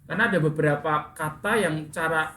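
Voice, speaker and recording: A man's voice: on the high side, a little fast, pushed and bright. A man teaching an English class, correcting his students' pronunciation and asking them questions. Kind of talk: classroom instruction. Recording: echoey classroom with faint room noise.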